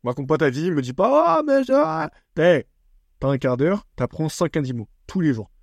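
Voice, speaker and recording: A man's voice: medium pitch, expressive, fairly quick, no room sound. Blunt slangy young man, dry sound. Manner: blunt, slangy, teasing, addresses listener as bro. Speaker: podcast host. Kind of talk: casual solo podcast advice.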